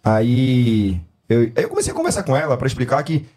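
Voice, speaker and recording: A man with a Brazilian Portuguese accent, co-hosting a podcast and telling family stories in a casual, animated way, laughing often and mimicking his daughter. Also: mid-range voice, brisk. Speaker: podcast co-host. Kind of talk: casual chat.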